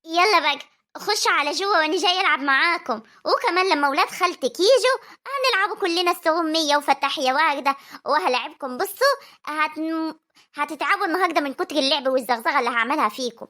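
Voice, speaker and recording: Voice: sits high, quick pace, bright, forceful tone. A performer voicing a doting village aunt with an Egyptian accent, cheerful and teasing with the children. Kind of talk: homemade family drama voice acting.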